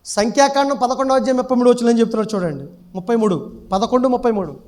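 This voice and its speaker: A man's voice: extremely high pitch, rapid-fire, a little mellow. A male pastor preaching a sermon, questioning the congregation and reading scripture aloud.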